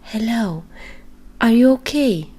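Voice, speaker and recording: A woman voicing a kind young female forest creature in a bright, eager, reassuring storybook voice, pitched well above her narration. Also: lively intonation, takes it slowly, husky, exaggerated voice. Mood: caring.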